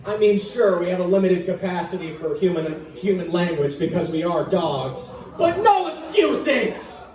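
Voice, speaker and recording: A man voicing an indignant, boastful male rescue dog who rants and shouts with scorn, on a stand-up stage. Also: high-pitched, sing-song, moderate pace, pitched below the performer's own voice. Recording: echoey room from far off. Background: audience laughing.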